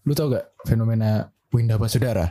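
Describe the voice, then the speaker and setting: A young man telling childhood stories in a casual podcast chat, jumping up in pitch when he quotes people. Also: a little fast, dark tone. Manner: storytelling, jumps up in pitch when quoting others. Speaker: podcast co-host.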